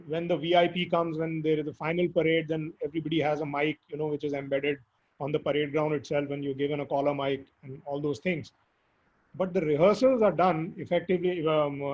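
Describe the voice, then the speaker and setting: A man with a hoarse, squeaky voice from recent illness, answering interview questions earnestly and emphatically. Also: steady tone, fairly quick, darkish tone. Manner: earnest, emphatic advice with fillers. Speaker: guest speaker. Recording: dull lo-fi audio.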